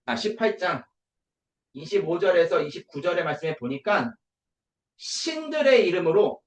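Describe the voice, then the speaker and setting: A man's voice: high-pitched, sing-song, moderate pace. Guy preaching in an echoey church hall, swoops up and down a lot, keeps asking questions and answering them. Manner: emphatic, asks rhetorical questions and answers them. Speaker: preacher at an evangelism school. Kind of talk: sermon.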